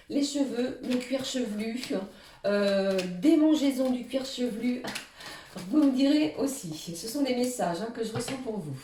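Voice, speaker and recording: A woman giving a weekly astrology card reading, hesitant with many fillers, talking warmly to her viewers as friends. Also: medium pitch, echoey room, recorded from a distance. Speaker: tarot reader.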